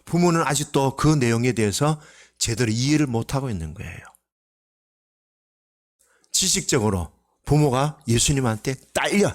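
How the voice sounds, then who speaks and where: In a church sanctuary, a pastor delivers a Sunday sermon in an animated voice at normal speed, leaving long pauses. He poses rhetorical questions to the congregation and swings between loud exclamations and soft, low asides.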